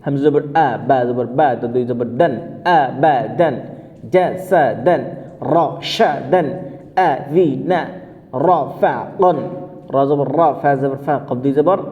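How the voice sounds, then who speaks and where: A man teaching a Quran reading class, drilling letter sounds slowly and coaxing the class to repeat after him. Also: on the high side, mellow, big-room sound. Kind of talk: online class lesson.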